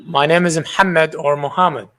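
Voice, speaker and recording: A man's voice: on the high side, fairly even intonation, normal speed, a bit bright. Iraqi man. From Iraq. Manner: opinionated, argues his points. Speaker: English teacher, student. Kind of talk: casual conversation practice. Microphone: professional microphone.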